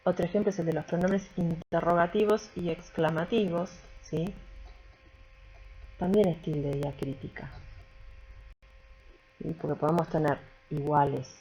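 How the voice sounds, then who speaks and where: A woman's voice: lowish voice, fairly even intonation, measured pace, pauses often, dark tone, a little hiss or hum, rough recording. A woman teacher giving a recorded grammar lesson, explaining patiently step by step and often checking in with the class.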